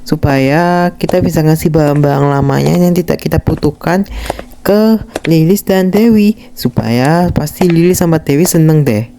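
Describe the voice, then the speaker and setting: A woman doing a kind, generous rich teenage girl who speaks politely and in a friendly way. The voice is low and mellow, as in a homemade game drama. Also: normal speed, a little hiss or hum. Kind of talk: amateur game drama voice acting.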